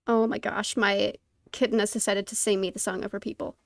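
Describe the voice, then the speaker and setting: Female art streamer, casual, mildly flustered, gravelly fry, close dry sound. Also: medium pitch, level tone, fairly quick, no room sound. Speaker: streamer painting along to a tutorial. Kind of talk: casual live-stream chat, thinking aloud.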